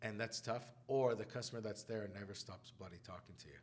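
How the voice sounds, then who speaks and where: A man co-hosting a podcast in casual chat, a chatty, animated storyteller who laughs often. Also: fairly low pitch, quick pace. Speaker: podcast co-host.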